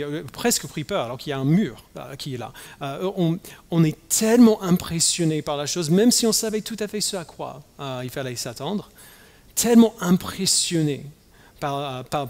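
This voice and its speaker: Man, pastor, raised in the US; halting sermon delivery full of restarts; long church-hall reverb. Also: a little high. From United States. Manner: halting, many fillers and restarts.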